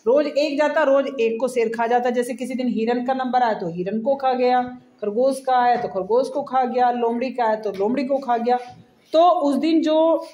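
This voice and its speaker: High-voiced woman telling a kids' story. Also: normal speed. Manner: asks the child questions, gentle and explaining. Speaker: storyteller to a child. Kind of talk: storytelling to a child. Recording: roomy echoey room.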